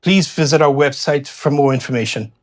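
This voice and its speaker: A man giving a scripted public address as a local councillor, speaking in a formal, measured way. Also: a little high. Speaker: local councillor, cabinet member.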